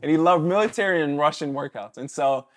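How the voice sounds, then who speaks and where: A man in his thirties who once played pro football tells stories in a casual interview, his voice fairly high-pitched and brisk. Occasionally he mimics his coach's shouted instructions.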